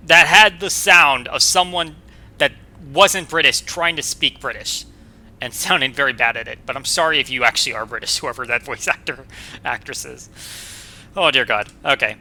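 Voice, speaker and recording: Bright-voiced joking gaming host. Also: male voice, medium pitch. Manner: chatty, joking, reacts out loud. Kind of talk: casual let's-play commentary.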